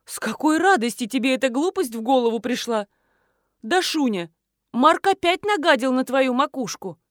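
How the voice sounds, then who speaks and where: A woman's voice: sits high, animated, moderate pace, no echo, clean studio sound, pitched above the performer's own voice. A woman reading the lines of a bossy, impatient female blogger who hurries everyone along.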